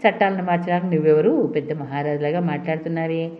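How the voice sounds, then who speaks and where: A woman's voice: low-pitched, steady tone, quick pace, voice pushed down, lightly acted. Brief: sneering beggar gang chief, a grown man, read by a woman, lo-fi storybook. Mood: mocking. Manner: mocking. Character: mocking adult male beggar gang leader. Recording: dull lo-fi recording.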